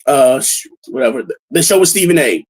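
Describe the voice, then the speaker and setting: A man hosting a casual sports chat, excitable, stammering and repeating himself. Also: medium pitch, brisk, husky, rough recording. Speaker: podcast host.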